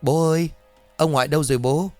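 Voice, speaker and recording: A man's voice: a little high, fairly even intonation, fast, no room sound, faint music behind, pitched above the performer's own voice, lightly acted. A man voicing a small child in a horror story, with a raised childlike tone. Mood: innocent. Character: innocent little boy.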